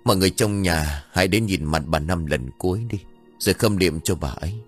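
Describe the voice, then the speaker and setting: Solemn old abbot in a man's voice, calm, formal, husky. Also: sits low, brisk, soft background music.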